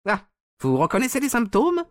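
A man's voice: very high voice, huge pitch swings, moderate pace, no echo, clean studio sound, voice pushed up, heavily acted. A man voicing a gloating, sneering villain who mocks a dying rival in a radio play. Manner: sneering, mocking, taunting. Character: gloating sinister male poisoner villain.

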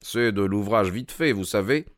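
A man's voice: fairly low pitch, moderate pace, dry recording, lightly acted. A man playing an ironic, probing detective in an audio drama reading. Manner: dry, mocking, probing. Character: sharp, ironic male detective, middle-aged.

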